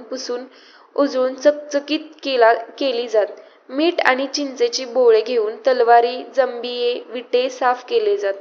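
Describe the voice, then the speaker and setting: A woman with a high voice reads a historical novel aloud as an audiobook narrator. Her delivery is steady and measured. The audio is a little dull and lo-fi. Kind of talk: scripted narration. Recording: slightly muffled lo-fi audiobook audio.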